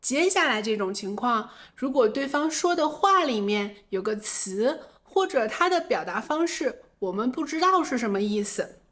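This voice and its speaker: A woman's voice: on the high side, expressive, moderate pace, fairly bright tone. A woman teaching a language lesson, explaining phrases and acting out short example lines. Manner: acts out example phrases in quoted voices.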